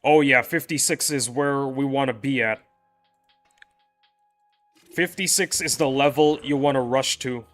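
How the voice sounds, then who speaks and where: Faint background music accompanies a young game streamer's loose chat with viewers, full of restarted sentences. He has a mid-range, slightly bright voice, a measured pace, and long pauses.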